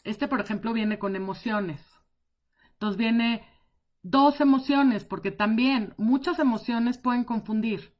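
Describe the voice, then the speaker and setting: A woman's voice: fairly high pitch, measured pace, a little mellow. Woman, live-stream talk, conversational, repetitive, checks in often. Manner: conversational, repeats words and checks in with "ok". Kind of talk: informal live-stream explanation. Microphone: device mic on a live stream.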